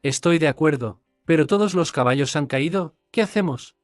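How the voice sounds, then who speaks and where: A man's voice: a little high, animated, moderate pace, no echo, close to an everyday voice. A man voicing a devoted adult woman guardian who speaks firmly and defiantly. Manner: firm, defiant. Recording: dry close mic, faint music.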